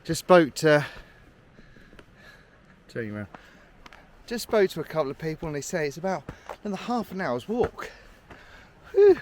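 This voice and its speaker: A man's voice: fairly high pitch, sing-song, normal speed, long pauses, a little hiss or hum. A man vlogging on a mountain trail, chatting to a handheld camera as he walks and a little out of breath. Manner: chatty, talks to the camera while hiking. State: a bit out of breath. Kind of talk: casual walking commentary.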